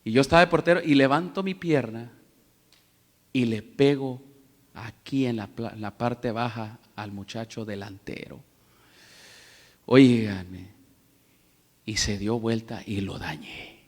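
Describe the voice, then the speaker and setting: A man, preaching a sermon as pastor, telling stories in a chatty way and building to loud preaching. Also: medium pitch, unhurried, long pauses. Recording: long hall reverb.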